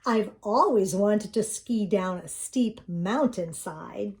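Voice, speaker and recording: A woman's voice: medium pitch, slow pace, darkish tone. A woman voicing a small, curious male toy bear with childlike wonder in a children's storybook reading. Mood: happy wonder. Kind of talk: children's storybook read-aloud.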